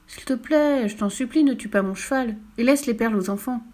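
A fearless little red-haired girl with a bright, cheeky, pushed-up voice and plenty of volume, as a woman reading the storybook puts her on. She sounds playful and sure of her own strength. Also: mid-range voice, fairly quick, natural voice. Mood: pleading. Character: bold cheerful little red-haired girl, super strong. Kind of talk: audiobook character voice.

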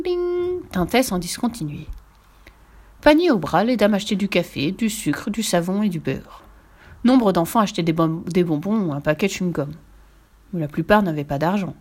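A woman reads a children's story aloud with a lively, expressive delivery. Her pitch sits in an ordinary middle range. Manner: expressive, lively reading with sound effects. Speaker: narrator.

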